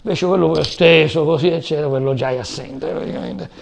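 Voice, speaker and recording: A man's voice: a little high, a little fast, creaky, slight background noise. A man lecturing a class on communication, explaining term after term with frequent hesitations.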